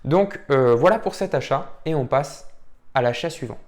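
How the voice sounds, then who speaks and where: A man's voice: a little high, animated, moderate pace, a little mellow. A manga YouTuber, a man, casually commenting on viewers' purchases, rambling with lots of fillers. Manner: rambling, many fillers and "voilà".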